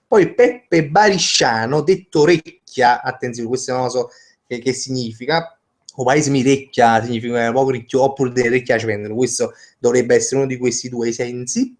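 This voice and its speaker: A man's voice: medium pitch, normal speed. A man with a Neapolitan accent hosting a casual live stream, rambling and joking as he reads out viewers' names.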